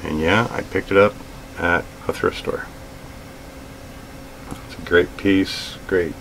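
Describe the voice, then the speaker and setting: Middle-aged man, deep and rough-edged, unhurried casual vlog delivery with a faint room hum behind. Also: poor audio. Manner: relaxed, plain-spoken, with frequent fillers. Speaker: outdoors vlogger. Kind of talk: casual gear talk to camera. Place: small indoor room with shelves of gear.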